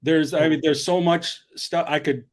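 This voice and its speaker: A man's voice: on the high side, steady tone, normal speed. A middle-aged man in a casual chat as a guest, talking in a friendly, rambling way with frequent restarts.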